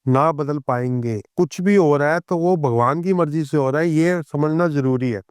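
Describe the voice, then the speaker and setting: A man, a guest on a podcast interview, who reads scripture verses slowly and then explains them in a conversational way. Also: fairly high pitch, a little mellow, smooth, no room sound, clean studio sound. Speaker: astrologer guest.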